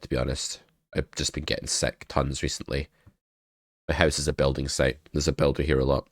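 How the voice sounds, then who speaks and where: A young poker coach with a cold reviews hands casually, joking around and swearing now and then. His very deep voice sits extremely low and sounds congested. The dry, close recording comes from a webcam desk setup.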